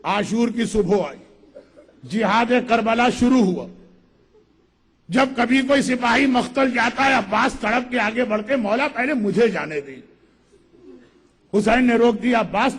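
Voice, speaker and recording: A man's voice: very high voice, expressive, slightly rough. A male religious orator delivering an impassioned mourning sermon, telling the story dramatically and voicing the figures in quotes.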